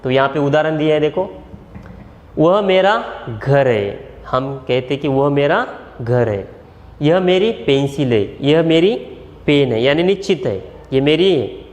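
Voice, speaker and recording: A male school teacher with a Marathi accent, giving a grammar lesson and repeating each example slowly, step by step. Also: on the high side, animated, a little mellow. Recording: echoey room with long reverb.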